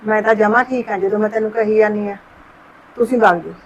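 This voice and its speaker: A woman playing a kind, ailing older mother-in-law in a family short film, speaking softly and coaxingly. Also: medium pitch, fairly even intonation, quick pace, muffled recording, lightly acted.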